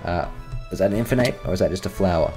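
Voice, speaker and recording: Rambling man with a low, dark voice. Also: animated, quick pace, faint music behind. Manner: chatty, rambling, talks to his game creatures. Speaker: gaming channel host. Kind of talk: let's-play commentary.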